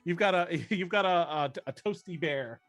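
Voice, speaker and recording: Higher-voiced man playing a tabletop game. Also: moderate pace, fairly bright tone, soft background music. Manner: joking, muttering while checking numbers. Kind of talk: casual game-table chat.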